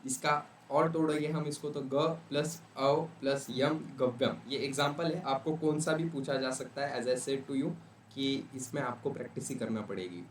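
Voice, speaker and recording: A man's voice: on the high side, reverberant, recorded from a distance, slight background noise. A man whose first language is Urdu, giving a casual exam revision lecture and often checking in with "okay". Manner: casual, repeats "ठीक है" often. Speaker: tutor.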